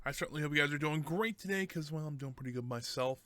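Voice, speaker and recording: A man's voice: on the high side, fast talker, bright, forceful tone, no echo. A man casually chatting with his viewers while he plays a game, correcting himself as he goes. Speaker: streamer.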